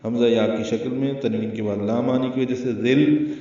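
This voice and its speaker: A man with a Pakistani Urdu accent teaching Quran recitation rules, explaining each sound slowly and carefully. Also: mid-range voice, fairly even intonation, mellow. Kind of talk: tajweed lesson with chanted recitation. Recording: very echoey, distant, slightly muffled.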